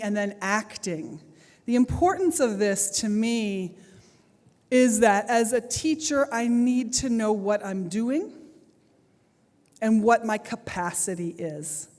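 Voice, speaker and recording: A woman's voice: on the high side, a little mellow. A woman giving a plenary talk to teachers at a conference, engaging the audience with questions and laughing often. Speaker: plenary speaker, teacher trainer. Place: large conference hall. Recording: hall reverb on the voice.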